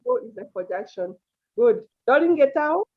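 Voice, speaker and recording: A woman teaches an online grammar class. She calls each student by name and echoes their answers in a high, sing-song voice that rises and falls. Her sound comes through a dull, lo-fi video call. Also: lively intonation, moderate pace.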